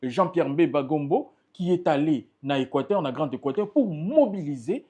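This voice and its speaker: A man's voice: fairly high pitch, lively intonation, moderate pace, warm tone, slightly rough. A man with a Congolese French accent, speaking as a political spokesperson in an interview, emphatic and impassioned. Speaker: political party spokesperson, guest.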